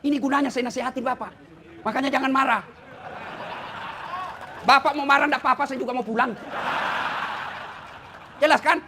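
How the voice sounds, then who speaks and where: A man's voice: very high voice, fairly even intonation, normal speed, long pauses, noisy background. A man preaching a humorous sermon, teasing his listeners and often addressing them as "Pak". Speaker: preacher and lecturer.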